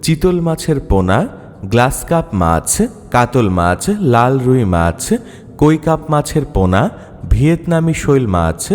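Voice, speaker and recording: A male announcer declaims an emphatic sales pitch that sounds as if it is blaring over a PA loudspeaker. His voice sits at an ordinary middle pitch. A long reverb trails each phrase, as if it is bouncing around a big open space. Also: big pitch swings, measured pace, clean tone. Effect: echoing announcement as if over a PA loudspeaker.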